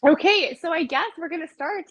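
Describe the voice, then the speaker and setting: A woman's voice: very high-pitched, brisk, fairly bright tone. A woman hosting a podcast in casual interview chat, enthusiastic and chatty, filling her sentences with "like". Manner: enthusiastic, chatty, many fillers like "like". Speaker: podcast host.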